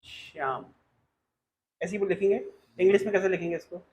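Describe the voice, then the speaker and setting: Male teacher, high pitch, quizzing style, roomy classroom sound. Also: little pitch movement, racing, warm tone. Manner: questioning, coaxing students to answer.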